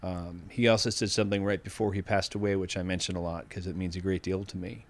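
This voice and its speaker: Reflective lower-voiced man in his fifties. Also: level tone, fast talker. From Massachusetts, USA. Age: 50s. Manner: reflective, candid, with frequent restarts. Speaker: podcast guest. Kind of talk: casual interview conversation.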